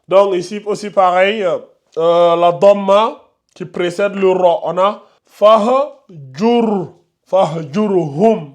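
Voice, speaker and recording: A man teaching Quran recitation rules in a slow explanatory lesson, repeating each rule and often checking that listeners follow. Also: sits high. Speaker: tajwid teacher.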